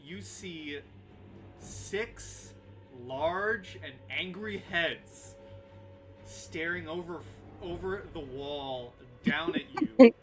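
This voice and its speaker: A man's voice: a little high, lively intonation, very slow, soft background music. Teasing man running a tabletop game. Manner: playful, teasing. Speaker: game master.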